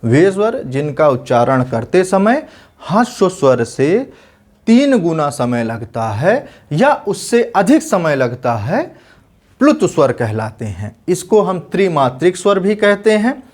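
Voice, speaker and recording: Slow, patient Hindi grammar teacher, a man. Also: a little high, very animated, darkish tone. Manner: explains patiently, repeats definitions slowly for dictation. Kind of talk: exam-prep lesson.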